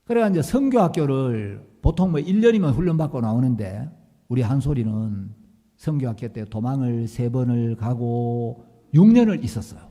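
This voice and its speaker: A male pastor preaching a sermon in a storytelling way, swinging between loud and soft. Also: medium pitch, lively intonation, moderate pace. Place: church sanctuary. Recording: long church reverb.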